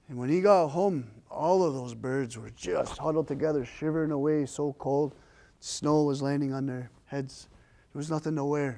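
A male storyteller relating a traditional tale in a relaxed, folksy way, repeating key phrases and lifting his voice as the action builds. His pitch sits in the middle range for a man. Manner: folksy, repetitive, rising with the action. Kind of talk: oral storytelling.

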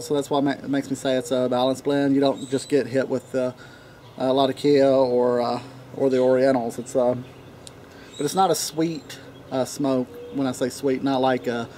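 A man talks in a casual, unhurried vlog style. His voice sits at an average male pitch, and he pauses often as he rambles. He is recorded outdoors a few feet from the camera, with light natural ambience and birds around him. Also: mellow, slight background noise. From Tennessee, United States. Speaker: pipe tobacco reviewer. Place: outdoor wooden deck in a leafy yard. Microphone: camera a few feet away. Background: birds chirping, occasional dog barking.

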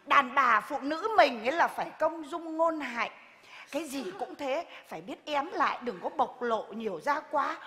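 A woman's voice: high-pitched, lively intonation, moderate pace. Woman playing a bossy, preachy village busybody. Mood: scolding. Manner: scolding, lecturing, loud and exaggerated. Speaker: comic stage actor. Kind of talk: live stage comedy skit. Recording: reverberant live stage hall.

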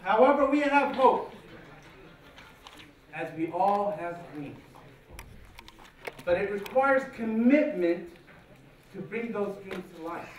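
Slow, high-voiced man orating in echoey hall. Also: animated, highs cut off. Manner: deliberate, rehearsed-sounding delivery in short measured phrases with dramatic pauses. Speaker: guest speaker at a speech competition. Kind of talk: formal motivational speech, public oratory. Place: large auditorium stage, indoors. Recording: very echoey hall, distant, faint noise.

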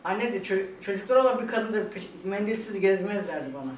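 Appearing as a vlog guest, an older woman talks about her illness in an emotional, casual chat, speaking fast in an animated mid-range voice. She swings between tears and laughter and quotes other people. The recording is somewhat distant, in an echoey room with faint background noise.

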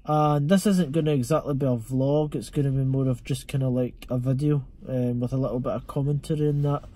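A man's voice: mid-range voice, fairly even intonation, brisk, mellow. A young man with a Scottish accent, chatting casually to camera from inside a parked car, rambling with many ums and restarts. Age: young adult. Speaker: vlogger. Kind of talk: casual vlog chat to camera. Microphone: camera mounted on the dashboard.

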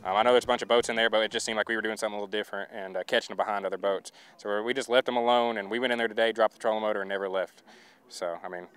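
Young man, college angler interview, quick talk, lowish voice. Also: steady tone, a bit bright, clean tone, dry recording, faint music behind. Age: young adult. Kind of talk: casual interview.

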